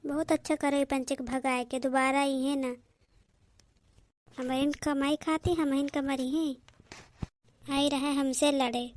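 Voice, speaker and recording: A woman voicing an arrogant, scheming younger daughter-in-law with an Awadhi accent and a sharp, bossy manner. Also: sits high, level tone, takes it slowly, pauses often, dry recording. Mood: gloating.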